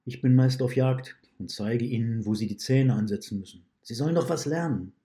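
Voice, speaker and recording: A man's voice: medium pitch, a little fast, dark tone, close to an everyday voice. A man voicing a remorseful, weary male wolf imprisoned in a dungeon, talking in a pained, confessing way, in a read-aloud story. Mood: bitter, hurt.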